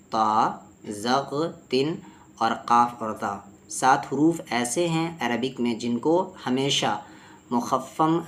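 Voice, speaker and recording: Man teaching quran tajweed, slow careful recitation, patient explaining. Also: mid-range voice, a bit bright. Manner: patient, explains each letter, then recites slowly for the student to repeat. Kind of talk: tajweed lesson with repeat-after-me drills.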